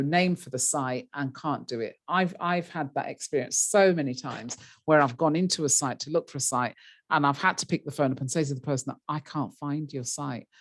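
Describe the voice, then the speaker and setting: Low-voiced woman teaching a webinar. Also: dry recording, studio quality. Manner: chatty, repetitive, many ums and you-knows. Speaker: webinar presenter. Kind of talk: webinar lesson.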